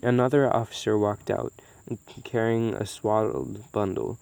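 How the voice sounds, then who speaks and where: A man reading a novel aloud with a low, mellow voice. He reads steadily, with small slips and restarts, and the sound is dry and close. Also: fairly even intonation, a little slow, gravelly, no echo. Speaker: audiobook reader.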